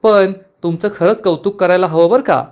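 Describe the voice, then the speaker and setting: A man's voice: sits high, moderate pace, a little mellow. A man voicing a scheming young sister-in-law who talks in a wheedling, gossipy way.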